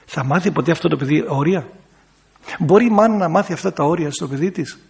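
Gravelly high-voiced Greek priest. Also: male voice. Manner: teaching, acts out people in quoted bits. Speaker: Orthodox priest. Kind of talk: talk to a group with questions.

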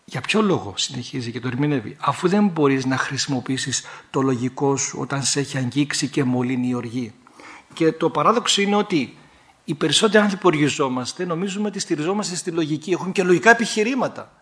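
Man, priest, sermon, fairly high voice, animated, humorous asides. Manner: lively, animated preaching with sudden rises in pitch and humorous asides.

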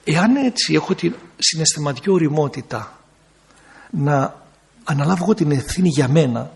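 A man's voice: fairly high pitch, creaky. A man who is an Orthodox priest, teaching a group in a conversational sermon and acting out people in quoted bits. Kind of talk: talk to a group with questions.

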